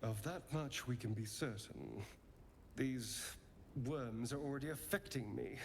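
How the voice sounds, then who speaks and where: A man's voice: medium pitch, unhurried, slight background noise, lightly acted. Astarion, a man playing a sly elven rogue. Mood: wry. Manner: wry, silky, mock-menacing.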